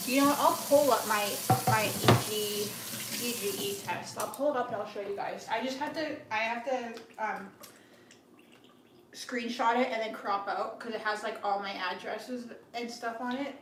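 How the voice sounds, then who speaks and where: Chatting casually with livestream viewers, a congested young woman keeps restarting and filling gaps as she rambles. She talks at normal speed in a fairly high pitch, in an echoey space with noticeable background noise.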